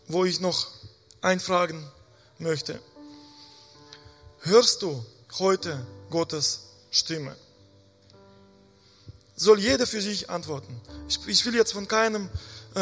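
A man preaching a sermon in a church hall, earnest and halting, often pausing and restarting. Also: sits high. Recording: reverberant hall with faint music.

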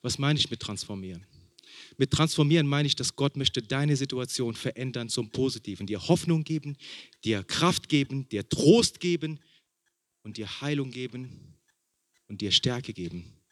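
A man preaching a sermon in German, a father, who builds emphasis with repeated phrases and questions to the congregation and drops to a hushed tone for intimate points. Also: mid-range voice, animated, moderate pace, no echo, studio quality. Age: young adult or middle-aged, father of a small son. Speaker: pastor.

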